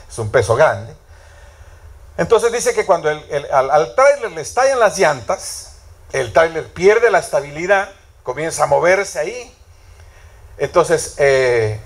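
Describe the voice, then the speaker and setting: A man preaching a sermon in a storytelling way, often asking the congregation questions. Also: a little high. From Latin America.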